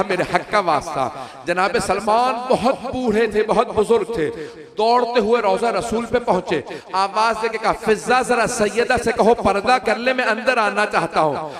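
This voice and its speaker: A male preacher giving a mourning sermon, rising into a loud wailing lament as he tells the story. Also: high-pitched. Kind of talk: majlis sermon recounting tragedy. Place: large hall with gathered listeners. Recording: noisy crowd of mourners.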